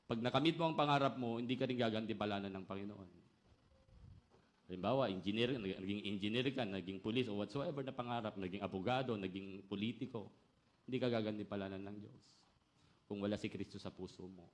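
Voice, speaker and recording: A middle-aged man preaching a sermon loudly and energetically, often calling out "Amen?" to the congregation. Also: on the low side, brisk. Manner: loud, energetic preaching with call-and-response "Amen?".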